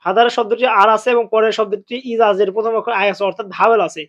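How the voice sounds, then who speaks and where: Man slowly teaching English pronunciation. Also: high voice, fairly even intonation, fairly bright tone. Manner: repeats phrases slowly, spells words letter by letter. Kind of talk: spoken lesson. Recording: dull lo-fi recording.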